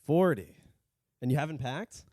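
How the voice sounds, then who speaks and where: A man's voice: a little high, animated, moderate pace, a little mellow, dry recording, studio quality. A man co-hosting a podcast in casual chat, chiming in with jokes and quips. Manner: joking, chimes in with quips. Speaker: podcast co-host.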